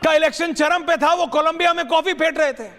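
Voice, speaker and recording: A woman anchoring a heated TV debate, forceful and combative, dropping English phrases into her talk. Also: high-pitched, a little fast.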